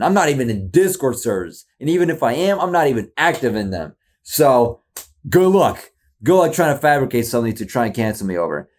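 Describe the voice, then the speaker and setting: A man reacting on video in a loose, rambling way, full of slang and jokes at his own expense. His pitch swings up and down a lot as he gets excited, sitting in a middle register. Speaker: YouTube reactor. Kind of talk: casual reaction commentary.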